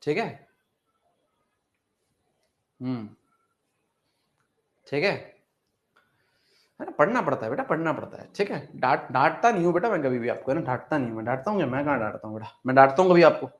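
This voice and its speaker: A man's voice: mid-range voice, very animated, fairly quick, long pauses. A man teaching a chemistry exam-prep lecture in a repetitive, coaxing way, often calling his students "beta" and voicing their questions himself.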